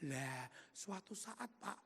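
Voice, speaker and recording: Humble young tailor , acted by a male preacher, polite and earnest, husky gravelly voice in a reverberant hall. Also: sits high, lively intonation, slow pace, a bit bright, pitched below the performer's own voice, heavily acted. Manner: polite, keeps saying "Pak".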